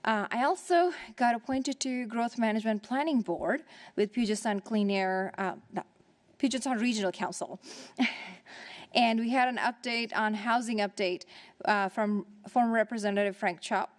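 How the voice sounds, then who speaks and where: A woman presiding over a city council meeting, reporting on her committee work in a halting way with many fillers and restarts, and out of breath. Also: on the high side.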